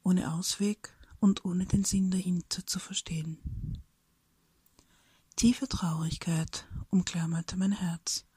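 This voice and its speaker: A woman reading a reflective personal story aloud in a soft, breathy whisper, slowly and thoughtfully. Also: on the low side, steady tone, dry recording.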